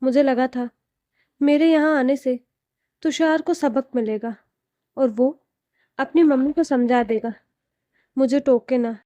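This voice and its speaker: A spoiled young married daughter, as a woman reads her, pleading through tears. Her voice is high and slow with a mellow tone. This is a storybook reading. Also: dry recording. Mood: tearful. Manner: pleading, tearful.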